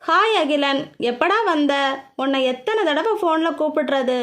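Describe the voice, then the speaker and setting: A woman voicing a calm, confident young man about to be married in an audiobook. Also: a little slow. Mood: self-assured. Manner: calm, deep-voiced and self-assured.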